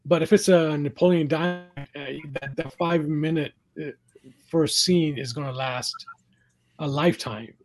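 A man co-hosts a casual chat and playfully needles his partner. He talks in halting bursts and pauses as he thinks. His voice sits a touch high. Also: steady tone, soft background music. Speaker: co-host.

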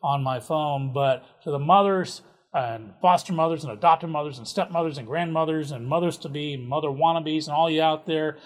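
A man's voice: fairly high pitch, moderate pace. A man hosting a casual local events rundown, chatty and jokey with offhand asides. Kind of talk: casual community calendar rundown.

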